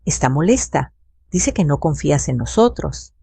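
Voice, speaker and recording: An older woman voicing a worried adult son who speaks hesitantly with a lowered voice. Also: sing-song, moderate pace, creaky, mellow, husky, dry recording, heavily acted. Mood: uneasy.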